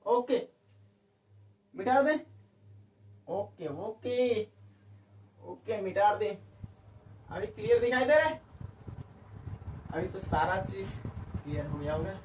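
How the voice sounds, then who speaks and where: Male bio teacher, slow and repetitive, keeps asking "clear?", far from the mic in a roomy echo. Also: high voice, expressive, slight background noise. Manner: keeps asking rhetorical questions and checking understanding; drawn-out, repeating key terms. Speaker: biology teacher. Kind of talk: online exam-prep lecture. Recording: echoey room, speaker far from the mic.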